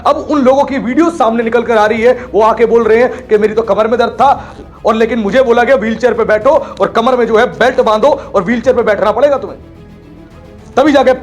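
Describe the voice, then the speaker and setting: A man preaching a sermon with passion, acting out the people he describes as he goes. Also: very high-pitched. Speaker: pastor.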